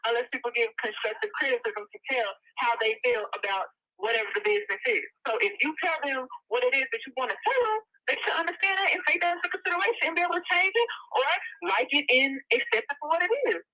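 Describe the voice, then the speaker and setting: High-voiced woman caller on a lo-fi inmate payphone, casual and loyal. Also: animated, fast. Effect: inmate payphone call. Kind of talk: casual chat. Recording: tinny payphone line.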